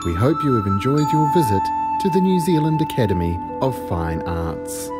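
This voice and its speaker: A man making a formal, polite closing-time announcement over a public address loudspeaker in a gallery. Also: mid-range voice, sing-song, normal speed. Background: loud music.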